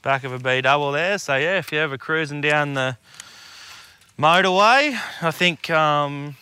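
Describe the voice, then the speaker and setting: A man's voice: fairly high pitch, normal speed, pushed and bright, clean tone. A man with an Australian accent chatting casually as a podcast co-host, in a slangy, sweary, blokey tradesman way. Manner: laid-back blokey Aussie tradesman talk, slangy and sweary. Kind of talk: casual chat.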